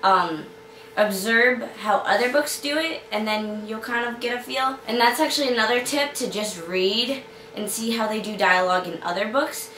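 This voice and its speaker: A young woman with a slight Boston lilt and a fairly high voice talks through writing tips in a chatty, upbeat way, full of ums and restarts. She sits back from the mic in an echoey room with a faint hiss behind her. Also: moderate pace, sharp tone, recorded from a distance. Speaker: young adult novelist giving writing tips. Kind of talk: casual tutorial talk to camera.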